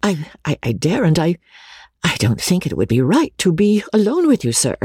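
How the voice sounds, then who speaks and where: Nervous young governess, stammering and high-pitched, as a reader puts her on; husky, dry sound. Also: huge pitch swings, slow pace, no room sound, exaggerated voice. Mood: flustered. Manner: stammering, hesitant.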